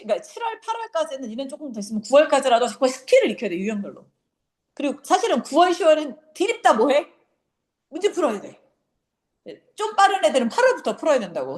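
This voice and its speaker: A middle-aged woman teaching a high school English exam class, brisk and scolding, firing rhetorical questions at her students.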